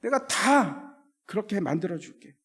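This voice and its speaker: A man acting out Satan as a male tempter who coaxes and flatters. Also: high-pitched, normal speed, slightly rough, exaggerated voice. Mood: coaxing. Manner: coaxing, flattering.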